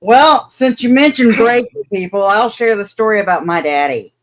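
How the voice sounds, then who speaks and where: Woman, air guard veteran, casual storytelling, frank, brisk. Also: a little high, expressive.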